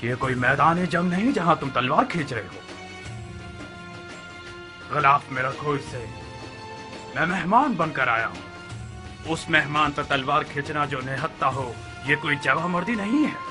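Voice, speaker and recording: An actor playing an arrogant young nobleman in a dubbed historical drama, speaking in a smooth, taunting, self-assured way. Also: on the high side, expressive, a little slow, pauses often, over music. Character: scheming young noble suitor, mocking and arrogant.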